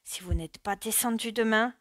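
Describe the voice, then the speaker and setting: A woman reading the part of a rough, violent Prussian army officer, giving curt and commanding orders in a raised voice. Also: medium pitch, normal speed, no room sound, studio quality, natural voice. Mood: harsh, commanding.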